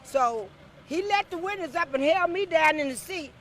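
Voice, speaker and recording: A woman's voice: extremely high pitch, lively intonation, moderate pace, a bit bright. A woman with a Southern American accent giving an emphatic, folksy eyewitness account in an interview. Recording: faint outdoor noise.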